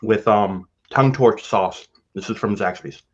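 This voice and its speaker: A man co-hosting with dry, self-deprecating humor, rambling and restarting his sentences. His voice is fairly low. The audio is dull and lo-fi, like a video call. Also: a little slow. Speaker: podcast co-host. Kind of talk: casual chat.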